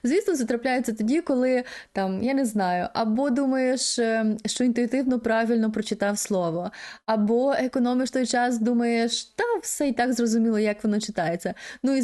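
Mellow-voiced woman teaching English. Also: a little high. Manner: patient, explanatory, frequent hesitation sounds. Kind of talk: explaining an online language lesson.

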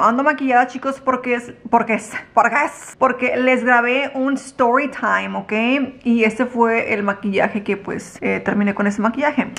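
A woman's voice: a little high, creaky, fairly bright tone. A woman, chatting casually to her viewers in a home vlog. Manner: chatty, addresses viewers as chicos, frequent fillers. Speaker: vlogger. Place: home and car.

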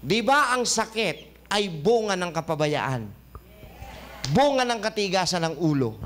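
A man with a fairly high voice leads a lively health lecture in a studio. He jokes as he goes and keeps testing his listeners with quick questions. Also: a little hiss or hum. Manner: joking, quizzing listeners with questions. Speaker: health talk show host and doctor.

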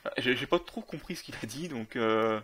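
Guy rambling over gameplay, lots of euh and restarts, mid-pitched voice. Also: expressive, normal speed, sharp tone, a little hiss or hum. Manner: hesitant, many fillers and self-corrections. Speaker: gaming video creator. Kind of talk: casual game commentary.

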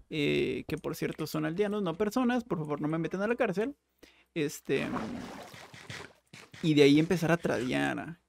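A young man giving casual, jokey Minecraft let's play commentary, with bursts of excited exclaiming. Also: fairly high pitch, vocal fry. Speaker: gaming YouTuber.

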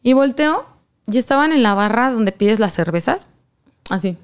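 A young woman with a Mexican Spanish accent tells a personal story over a casual chat, her voice higher-pitched and smooth. She talks in slang and acts out the quoted lines in a lively way. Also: normal speed.

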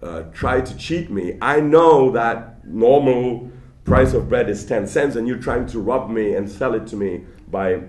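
A man's voice: mid-range voice, animated, unhurried, darkish tone, natural voice. A man acting out an indignant male tourist who accuses a trader of cheating, speaking in an outraged, accusing way in an echoey lecture hall.

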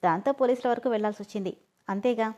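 A woman's voice: on the high side, fast, darkish tone, close to an everyday voice. A woman reading the lines of a teasing, easygoing young man in a storybook reading.

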